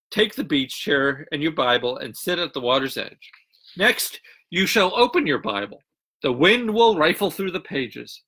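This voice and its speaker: A man voicing a pastor in a joke, giving instructions in a steady, teaching way. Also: a little high, exaggerated voice. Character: calm advising male pastor.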